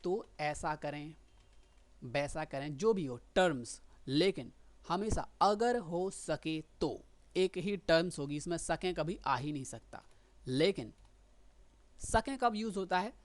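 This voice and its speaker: A woman's voice: low voice, expressive, takes it slowly. A woman teaching shorthand, explaining patiently and often checking that listeners follow. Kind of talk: explanatory lesson.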